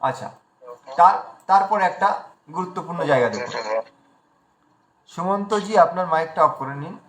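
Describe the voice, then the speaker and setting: A man with a Bengali accent teaching Sanskrit pronunciation in an online class, spelling out letters slowly and explaining each sound. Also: high voice, expressive, fairly bright tone, reverberant. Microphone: video call.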